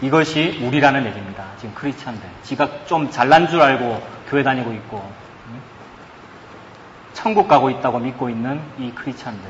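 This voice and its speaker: A man's voice: medium pitch, a little fast, lo-fi sound. A man preaching a sermon to his congregation as pastor, speaking emphatically and putting rhetorical questions to his listeners. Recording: long hall reverb, faint background noise.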